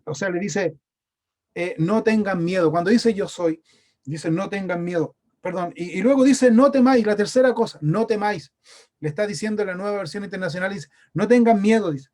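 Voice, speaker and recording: A Chilean man preaches in a high, mellow voice. He keeps it conversational and often turns to his listeners with questions. The sermon is delivered in a church meeting room. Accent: Chilean Spanish. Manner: conversational, asks the congregation questions.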